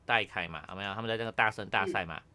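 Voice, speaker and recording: A man's voice: fairly low pitch, rapid-fire, pushed and bright, smooth. A man teaching Japanese grammar one-on-one, casually checking understanding with tag questions.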